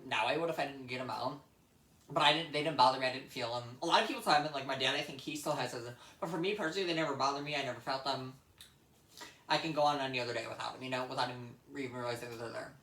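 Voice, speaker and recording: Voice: mid-range voice, sharp tone. A young adult vlogger telling a personal story in a casual, rambling way, blunt and emphatic, with free swearing. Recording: echoey room.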